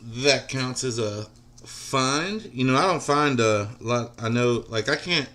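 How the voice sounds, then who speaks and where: A man's voice: medium pitch, fairly bright tone. A man in his forties hosting a casual livestream, chatting with viewers and answering their comments by name. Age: 40s. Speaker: livestream host.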